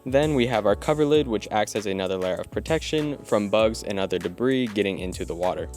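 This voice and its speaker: A man's voice: on the low side, lively intonation, a little fast, darkish tone. A man presenting a video product review in an explanatory, informal way, part scripted and part casual. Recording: background music under the voice. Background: music.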